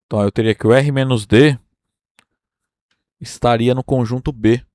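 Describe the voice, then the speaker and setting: A man's voice: mid-range voice, steady tone, moderate pace, darkish tone, dry recording, clean studio sound. A Brazilian man teaching a university math class, working through a proof step by step and checking in with his students. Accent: Brazilian Portuguese.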